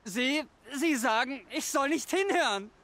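A man's voice: very high voice, lively intonation, bright, forceful tone, exaggerated voice. Haunted, frantic young tribesman. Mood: troubled. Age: young adult. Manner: pleading, halting, repeats himself. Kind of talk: video game dialogue.

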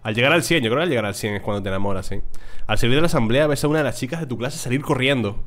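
A man's voice: mid-range voice, lively intonation, rapid-fire, a bit bright. A young man with a Spain accent, a gaming streamer who reads a visual novel aloud and jokes crudely between lines. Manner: joking, crude, laughs often.

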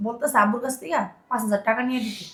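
A woman's voice: on the high side, racing, sharp tone, slight background noise. An actress playing a tired young daughter complaining to her parents. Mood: weary.

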